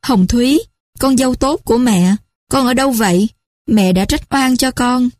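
A remorseful elderly grandmother from a told story speaks in a high, quavering, pleading voice, as a woman narrator puts her on. She sounds softer than a plain speaking voice. The recording is dry and close. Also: normal speed, no echo, lightly acted.

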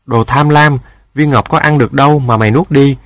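A man's voice: medium pitch, fairly even intonation, fairly quick, no echo, close to an everyday voice. A man voicing a sly male dog in a storybook tale who scolds and lectures in a mocking way.

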